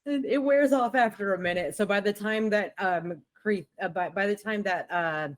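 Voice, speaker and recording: A woman's voice: medium pitch, normal speed. A woman playing a tabletop game, chatting casually and hesitantly, with many likes and restarts. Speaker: player.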